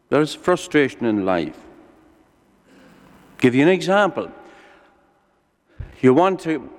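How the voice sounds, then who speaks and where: Lilting male preacher, deep voice, echoing hall. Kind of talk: sermon with storytelling and everyday examples. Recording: echoey hall with long reverb.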